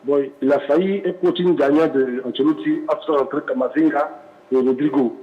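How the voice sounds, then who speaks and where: A man's voice: a little high, steady tone, normal speed, muffled recording. A man phoning in to a sports show and giving his football opinion emphatically, with rhetorical questions. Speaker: caller.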